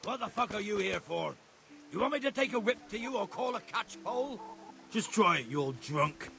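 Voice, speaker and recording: An actor playing a surly, embattled older villager in a video game, with a rough, strained voice. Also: male voice, high voice, expressive, normal speed, pushed and bright, full character voice. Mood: angry, threatening.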